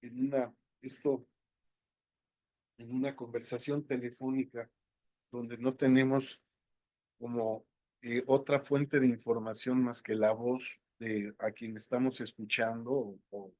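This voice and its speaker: Male instructor; slow, halting lecture delivery, dry close mic. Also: mid-range voice, little pitch movement, a little mellow, no room sound. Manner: unhurried, thinking aloud with many fillers. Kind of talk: online lecture.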